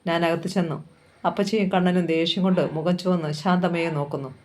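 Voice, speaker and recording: A woman reads a novel aloud, narrating in the first person in a steady, sorrowful storytelling manner. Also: lowish voice, brisk. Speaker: novel reader.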